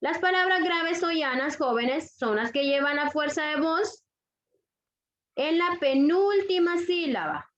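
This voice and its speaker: A woman's voice: high-pitched, lively intonation, fairly bright tone. A woman teaching a grammar lesson to young students, repeating each rule and checking that the class follows. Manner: slow, deliberate, repeats rules, checks understanding with questions. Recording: dull lo-fi audio.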